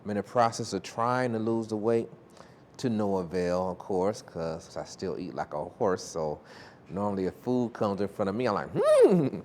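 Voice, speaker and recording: A man giving blunt, profane interview answers in an animated way. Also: on the low side, moderate pace, slight background noise.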